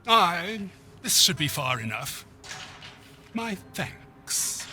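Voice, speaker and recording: A man's voice: high voice, sing-song, extremely slow, bright, forceful tone, faint music behind, heavily acted. A man playing a bookish scholar in a fantasy video game, speaking in formal, archaic phrasing with grudging courtesy. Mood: grateful, earnest.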